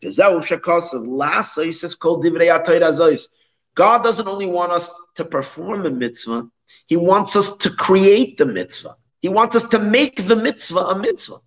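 Higher-voiced man teaching a Torah class. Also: animated, moderate pace, lo-fi sound. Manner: emphatic repetition and rhetorical questions. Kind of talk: explanatory text study lecture, reading phrases and translating them.

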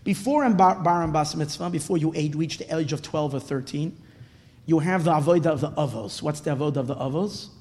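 A man's voice: on the high side, a little fast, darkish tone. A man giving an unscripted lecture as a rabbi, emphatic, repeating phrases and answering his own questions. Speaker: rabbi teaching a Torah class. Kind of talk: religious lecture, teaching unscripted. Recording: reverberant hall.

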